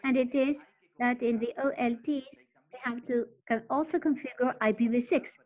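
A woman giving a technical presentation in a halting, stop-start way, interpreting for the speaker. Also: fairly high pitch, fairly even intonation, darkish tone. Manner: halting, stop-start delivery while explaining. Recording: dull lo-fi webinar audio.

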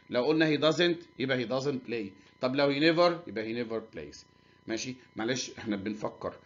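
A man with an Egyptian Arabic accent teaching English grammar, saying example sentences slowly and then explaining them quickly. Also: mid-range voice. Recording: dull lo-fi recording.

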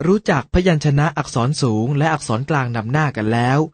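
A man's voice: fairly high pitch, expressive, slightly rough, no room sound. A man narrating a school lesson for young children, carefully reading out words and their pronunciations. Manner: slow, careful word-by-word reading aloud. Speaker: teacher.

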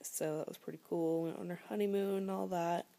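A woman's voice: on the low side, steady tone, fast talker, gravelly, warm tone. A woman in her twenties chatting casually to camera as a vlogger, rambling with many fillers and at times dropping to a whisper, filmed close-up at home in a living room. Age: 20s. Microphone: phone or laptop camera held close.

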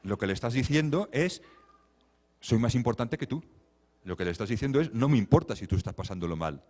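A man gives a lecture while commenting on a video. He talks in a lively, wry way and acts out what the children and mothers say. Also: mid-range voice, a little fast. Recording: long hall reverb.

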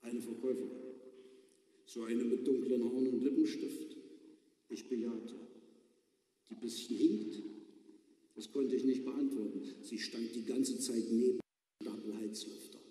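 A man from East Germany reads his humorous story aloud, dry and understated, with a very dark, mellow voice. He sounds distant from the mic. Long church reverb hangs around every phrase. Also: medium pitch, fairly even intonation, unhurried, pauses often. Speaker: author reading his own stories. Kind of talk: live reading of a humorous story. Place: large church. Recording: echoey church from far off.

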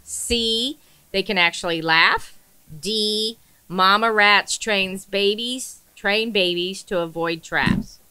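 A woman co-hosting a casual game night, reading quiz questions aloud slowly and giggling at her own lines. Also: mid-range voice, pushed and bright, smooth, no room sound, rough recording. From American South. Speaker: quiz reader and co-host.

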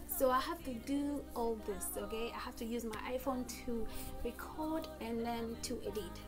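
A young woman chatting casually as a beauty vlogger giving a makeup tutorial, recorded on a phone in a room at home. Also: a little high. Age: young adult. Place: small room at home, indoors. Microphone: smartphone at about arm's length. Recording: music playing behind the voice. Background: background music.

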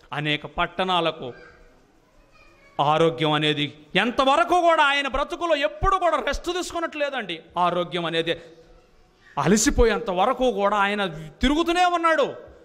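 A man's voice: extremely high pitch, fairly bright tone. A man preaching a sermon to a congregation, emphatic and repetitive, firing rhetorical questions at his listeners. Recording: long reverb of a hall.

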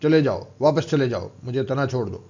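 A man reads as a feeble, desperate young man in a storybook, pleading and distraught. His voice sits at a middling pitch on a slightly dull lo-fi recording. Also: expressive, moderate pace, close to an everyday voice. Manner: faint, pleading, then shouting.

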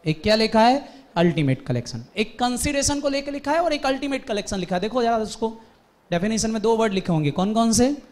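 A man with a high voice teaches a commerce class. He tells lively stories and keeps firing quick questions at his students. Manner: animated storytelling, quizzing students. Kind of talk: classroom lecture.

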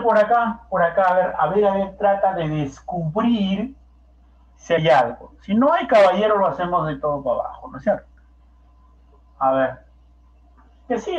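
A male math teacher with a Peruvian Spanish accent, lecturing and coaxing students with constant rhetorical questions. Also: high voice. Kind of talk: classroom lecture. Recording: echoey, dull lo-fi classroom recording.

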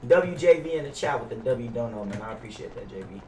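A young adult American man streams a game from an indoor setup, bantering and role-playing in brash, swear-heavy slang. His medium-pitched voice is animated and fast, but it sounds distant, picked up off-mic from his gaming headset in a roomy space with faint noise.

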